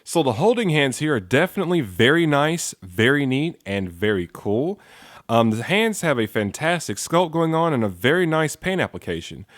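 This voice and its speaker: A man's voice: fairly high pitch, big pitch swings, normal speed, dry recording, studio quality. A man giving a casual toy review, enthusiastic, repeating praise words and dropping frequent ums.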